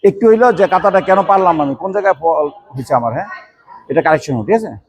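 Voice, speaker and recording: High-voiced karate instructor calling stances. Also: male voice, expressive, quick pace. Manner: loud drill calls, quizzing students, firm coaching. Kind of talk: teaching a class, calling out stance names. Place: karate training hall.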